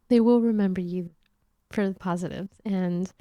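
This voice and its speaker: A woman's voice: mid-range voice, warm tone, dry recording, studio quality. A woman hosting a podcast in casual chat, losing her voice, chatty and laughing often as she talks. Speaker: podcast host.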